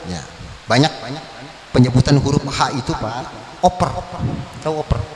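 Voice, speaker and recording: Man teaching Quran recitation, echoey hall. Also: mid-range voice. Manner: alternates speech with slow chanted verses; quizzes the class. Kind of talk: tajwid lesson with chanted recitation. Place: large mosque hall. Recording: echoey mosque hall with crowd.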